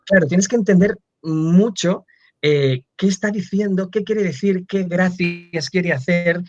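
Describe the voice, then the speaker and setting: A man's voice: sits high, measured pace, dry recording. A man, a dubbing actor and translator, talking thoughtfully with many fillers and restarts in a casual video-call interview. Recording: dull lo-fi video-call sound.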